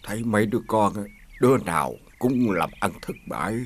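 A man's voice: on the low side, expressive, brisk, a little hiss or hum, lightly acted. An actor playing a sorrowful old father in a TV folk-tale drama, speaking. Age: older. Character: sad old father, worn out by failing sons. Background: music.

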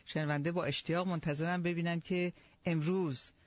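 A man's voice: a little high, fairly even intonation. A man hosting a radio talk show, greeting his guest in a courteous, flowery way. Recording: dull lo-fi radio sound with music under it.

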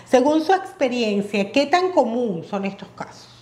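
A woman's voice: fairly high pitch, lively intonation, a little mellow. Woman host in a roomy space. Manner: measured, asks questions with hesitation fillers. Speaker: interview host. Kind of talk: conversational interview. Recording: roomy sound with faint music.

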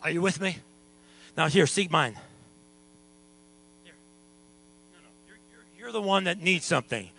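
Gravelly, bright-voiced preaching pastor. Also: male voice, a little high, lively intonation, a little slow, long pauses, poor audio. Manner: preaching, swings from soft talk to shouting. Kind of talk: revival sermon. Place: church sanctuary.

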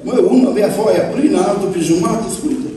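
A man's voice: high-pitched, mellow. A man preaching a storytelling sermon to a congregation, joking and acting out voices in his stories. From Romania. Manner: folksy, jokes with the congregation, acts out voices in stories. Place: large church hall. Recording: distant mic, very echoey hall.

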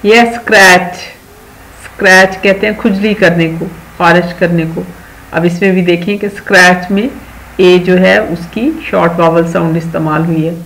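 A patient primary school teacher with a Pakistani accent narrates a video lesson for young children. Key words are repeated and English sentences are read out slowly and deliberately. The talk is instructive and closes with moral advice to the children. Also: mid-range voice, fairly even intonation, creaky, fairly bright tone, low-quality recording.

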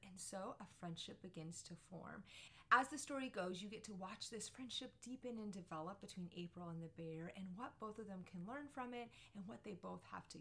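A woman in her thirties with a mid-range voice and a bright, forceful tone recommends a book to camera in an emphatic, storytelling style. She hosts a book review channel for parents and teachers and films indoors in a small furnished room lined with bookshelves.

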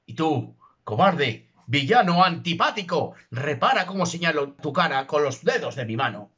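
A man voicing a furious old nobleman who roars at his daughter in high-pitched rage, in a dull, muffled recording. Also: very animated, normal speed, pushed and bright, slightly rough, exaggerated voice. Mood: roaring fury.

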